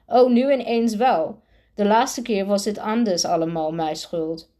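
Woman reading upset bullied schoolboy, indignant, raised voice, dark mellow tone, storybook. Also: mid-range voice, unhurried, close to an everyday voice. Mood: upset protest.

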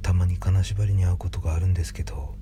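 A man reads a creepy ghost story in a hushed, breathy whisper, speaking conversationally as the narrator. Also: low voice, steady tone, quick pace. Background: background music.

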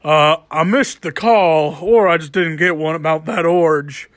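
A man leaves a slow, halting voicemail to return a call. He stumbles and repeats words, and his voice sits a little high. The sound is dry and close. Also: no echo. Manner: hesitant, stammering with fillers. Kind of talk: leaving a voicemail calling back.

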